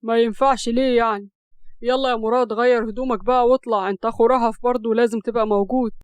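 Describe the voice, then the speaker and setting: A woman's voice: fairly high pitch, steady tone, fast, dry recording, natural voice. A woman voicing a middle-aged uncle who coaxes and insists in a firm way. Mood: coaxing. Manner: coaxing, firm.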